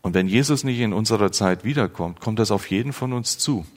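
A man preaching a sermon in a slow, earnest, pastoral manner, rising in emphasis at key phrases. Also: fairly low pitch. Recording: long church reverb.

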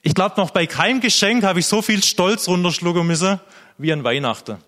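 A man's voice: sits high, fairly quick, fairly bright tone, big-room sound. A man preaching a sermon, speaking earnestly and directly to the congregation.

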